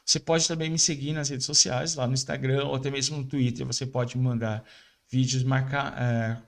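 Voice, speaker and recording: A man teaching French pronunciation in a casual video lesson, explaining informally and repeating words slowly for practice. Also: mid-range voice, flat delivery.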